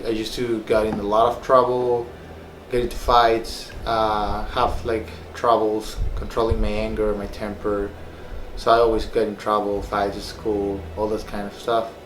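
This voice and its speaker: A young Peruvian man, a personal trainer and former fighter, tells a casual personal story to the camera in a loose, rambling way packed with fillers. His voice is at an ordinary pitch, and the echoey room has a faint hum underneath.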